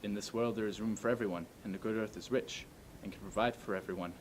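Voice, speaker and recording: A man giving an earnest recitation of a speech with measured, declamatory phrasing. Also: fairly even intonation, rough recording. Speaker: amateur performer. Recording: faint noise and low rumble.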